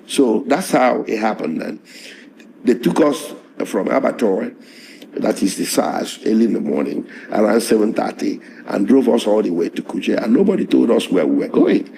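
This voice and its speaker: A middle-aged man answers interview questions in a hoarse, strained voice. His delivery is measured and halting, full of restarts. The tone is low, dark and gravelly. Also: a little hiss or hum. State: hoarse, voice strained after tear gas. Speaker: lawyer being interviewed. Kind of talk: interview, recounting events.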